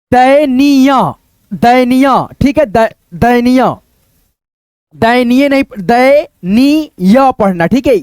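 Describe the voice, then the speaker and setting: A man teaching Hindi reading online, breaking hard words into syllables and repeating them slowly, often calling the viewers friends. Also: very high-pitched, no room sound. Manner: addresses viewers as friends with frequent fillers.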